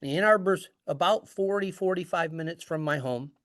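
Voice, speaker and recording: A man's voice: fairly high pitch, moderate pace, dry recording, studio quality. A middle-aged man casually telling a story, acting out the dialogue as he goes. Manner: animated, acts out dialogue. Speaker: guest storyteller.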